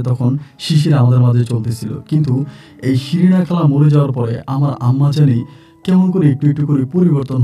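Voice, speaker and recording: A young man from Bangladesh telling his own true story slowly and plainly, often restarting his sentences. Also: mid-range voice, mellow. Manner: slow, plain retelling with frequent restarts and fillers. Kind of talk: first-person true-story narration. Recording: distant mic with faint music.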